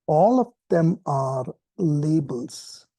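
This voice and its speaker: A man teaching an informal spoken lesson, relaxed and self-deprecating, often restarting his sentences. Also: a little high, very slow, no room sound. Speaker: meditation teacher.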